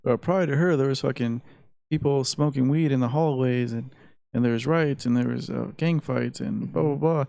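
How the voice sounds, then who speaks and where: A man's voice: medium pitch, moderate pace, gravelly, warm tone. A man in his thirties co-hosting a casual podcast, talking loosely with swearing and fillers. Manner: loose, profane, full of fillers. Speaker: podcast co-host. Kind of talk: casual drunken chat.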